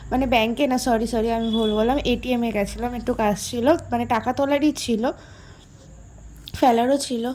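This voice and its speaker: A young woman, voicing over her day in a quiet, gentle, unhurried way. Her voice sits a bit high, and a faint hiss of noise lies under it. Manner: soft, quiet, slow narration. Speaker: vlogger. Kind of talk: daily vlog voice-over.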